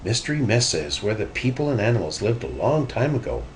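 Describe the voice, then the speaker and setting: A man voicing a boastful, excitable cartoon duck adventurer from a storybook, in an exclamatory way. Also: lowish voice, fast talker, a little hiss or hum, poor audio. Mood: eager. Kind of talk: storybook character reading.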